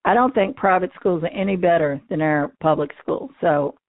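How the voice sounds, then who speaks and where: A woman's voice: fairly low pitch, lively intonation, moderate pace, no room sound. Casting: older woman, interviewee, frank and informal, numb-faced diction, narrow telephone-like audio. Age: 60s or older. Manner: numb-mouthed speech from a numb nose and face; candid, emphatic, informal. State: numb face and nose. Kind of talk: oral history interview, casual recollection. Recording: thin, phone-like, band-limited sound.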